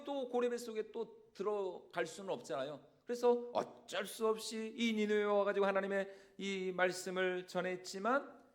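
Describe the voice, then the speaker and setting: A male senior pastor preaching a Sunday sermon in a church sanctuary, animated and questioning the congregation. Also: high-pitched.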